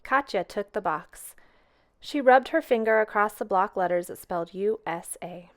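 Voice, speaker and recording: A woman reading a children's storybook aloud in a gentle, expressive, unhurried way. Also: medium pitch. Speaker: storytime reader.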